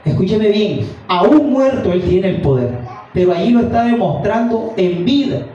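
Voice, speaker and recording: Fervent preacher, high-pitched man, echoey and distant. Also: expressive, normal speed, dark tone, a little hiss or hum. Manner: fervent, repeatedly addressing listeners as brother. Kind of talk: evening sermon with Bible reading. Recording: dull, roomy sound from a distant mic.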